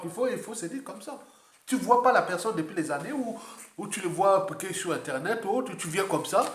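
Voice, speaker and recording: A man with a Congolese French accent giving an unscripted political monologue, repeating himself and jumping to high exclamations. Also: reverberant. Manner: animated, repetitive, jumps to high exclamations. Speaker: political commentator.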